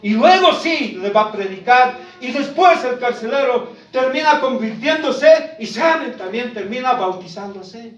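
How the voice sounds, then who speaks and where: A man preaching with a Bolivian Andean accent, switching between Spanish and Quechua, asking the congregation questions and rising to shouts on key points. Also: very high voice, expressive, unhurried, hardly any pauses. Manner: call-and-response questions to the congregation. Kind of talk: bilingual sermon in Spanish and Quechua. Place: church hall. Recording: echoey room, distant mic, dull sound.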